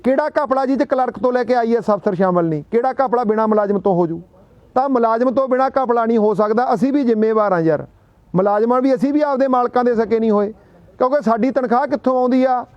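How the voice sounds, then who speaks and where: High-voiced Punjabi man, dry dull sound. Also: quick pace, dry recording. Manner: rhetorical questions, folksy storytelling. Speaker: public speaker. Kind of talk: speech to a gathering.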